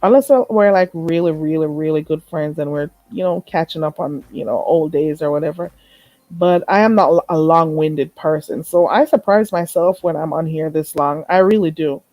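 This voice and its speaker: A woman host with a low, slightly mellow voice, stuffy and a bit nasal, talks at a moderate pace in a late-night livestream chat with viewers. She's chatty and emphatic and repeats herself. The close mic is dry with no room sound, though the recording is rough.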